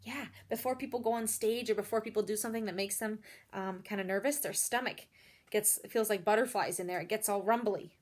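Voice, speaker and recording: In a mid-range voice at a fairly quick pace, a woman expressively reads a picture book to kids, pausing for small asides, explanations of feelings and questions aimed at the children.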